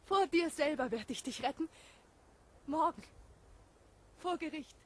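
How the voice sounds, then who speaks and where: High female voice, young Puritan schemer, jealous, defiant, declamatory, 1950s radio drama. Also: animated, a little slow. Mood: fervent, brooding. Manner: theatrical, declamatory. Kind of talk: 1950s German radio play acting.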